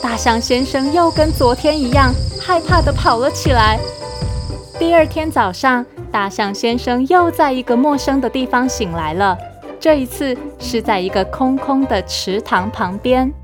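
A woman host reading a picture book aloud to children, in a gentle, coaxing manner. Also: high voice, normal speed, music in the background. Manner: gentle, coaxing, addressing kids.

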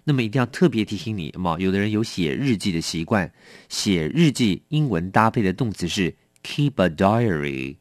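A middle-aged man teaching English vocabulary. He reads each word slowly and carefully, then speeds up when he adds warnings and asides. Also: low voice, lively intonation, no echo, studio quality. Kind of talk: explaining a word list.

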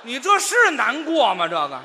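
A man as the supporting crosstalk partner, interjecting with short quick retorts. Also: very high-pitched, wildly swooping pitch, gravelly, sharp tone, a little hiss or hum. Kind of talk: Chinese crosstalk performance.

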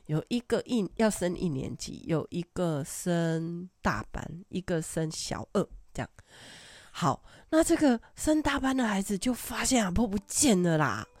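A woman's voice: lowish voice, unhurried, no room sound. An older woman, hosting a podcast and telling stories casually, with frequent laughter. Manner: laughs often, animated anecdotal telling. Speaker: podcast host. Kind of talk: casual storytelling.

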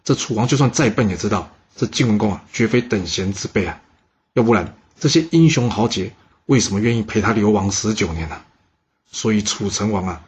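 A man with a lowish, slightly rough voice tells history stories on a chatty podcast, tossing asides to the listener. The recording sounds muffled.

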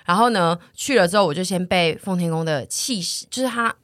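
A woman's voice: on the low side, fairly quick, dry recording, clean studio sound. A woman, co-hosting a podcast and telling a story in casual chat, acting out the people in it. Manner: lively storyteller who acts out quoted people. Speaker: podcast co-host.

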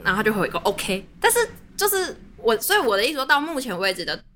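A young woman with a Taiwanese Mandarin accent tells a story quickly and vividly. Her pitch swings widely, and her voice is bright and forceful. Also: a little hiss or hum. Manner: animated, chatty storytelling. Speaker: podcast host. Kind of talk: casual storytelling chat.

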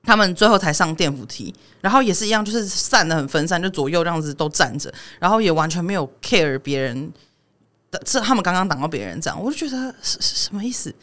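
A woman's voice: lowish voice, lively intonation, quick pace, a bit bright. A young woman with a Taiwanese Mandarin accent, hosting a casual podcast chat, ranting heatedly and swearing freely. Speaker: podcast host.

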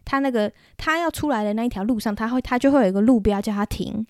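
A woman from Taiwan with a Taiwanese Mandarin accent, hosting a solo podcast in an animated, chatty storytelling way. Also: a little high, fast, no echo, studio quality. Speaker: podcast host.

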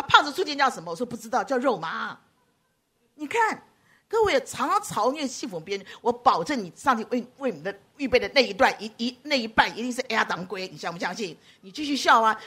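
A woman preacher delivers a lively sermon, joking with her congregation and acting out the voices she quotes. Her voice sits high and bright, swinging widely in pitch. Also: quick pace, husky. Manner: animated, teasing, acts out quoted voices. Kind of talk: lively sermon with audience banter.

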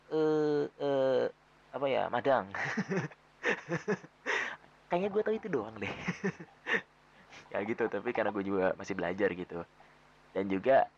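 With a fairly low pitch and a slightly bright tone, a young man from Jakarta hosts a podcast in a Betawi accent. He chats loosely and rambles, leaning on fillers and correcting himself often, and the sound quality is lo-fi.

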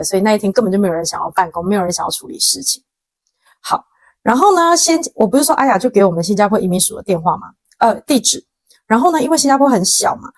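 A young woman with a Taiwanese Mandarin accent, hosting a podcast and telling a story in a casual, animated way, acting out quoted lines with slang. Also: medium pitch, dry recording. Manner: animated, dramatic retelling with quoted dialogue and slang. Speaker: podcast host.

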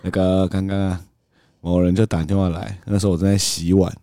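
A man with a Taiwanese Mandarin accent cuts in with teasing, dry questions during a casual podcast chat. His voice is very low and dark, and he talks quickly. The sound is close and dry. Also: flat delivery, no echo. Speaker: podcast co-host.

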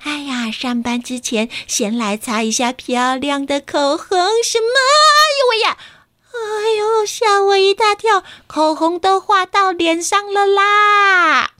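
A woman's voice: a little high, unhurried, hardly any pauses, no echo, clean studio sound, close to an everyday voice. A woman voicing a vain cashew office lady in a children's storybook, squealing and shrieking in surprise. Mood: startled.

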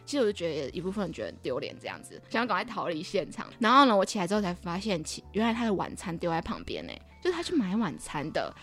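Lively young woman telling a story. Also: fairly low pitch, fast talker, hardly any pauses, slightly rough, soft background music. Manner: animated, laughing often, acts out quoted lines. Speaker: podcast co-host. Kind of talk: casual storytelling chat.

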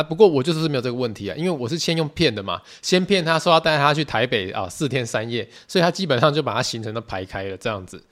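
A man in his thirties with a Taiwanese Mandarin accent, hosting a solo podcast and telling stories in a chatty, animated way. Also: mid-range voice. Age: 30s. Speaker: podcast host.

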